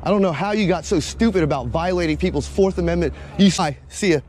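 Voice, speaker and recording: This man's voice is high-pitched and darkish, and he talks quickly over a little hiss or hum. He's a forties-aged American police auditor and video blogger who narrates footage casually, sarcastic and combative, swearing plenty.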